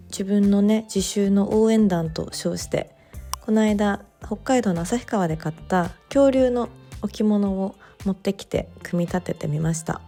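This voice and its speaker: A woman narrating her vlog in a relaxed voice-over, chatty and gently enthusiastic, with soft fillers. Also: mid-range voice. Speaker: bookstore owner vlogger.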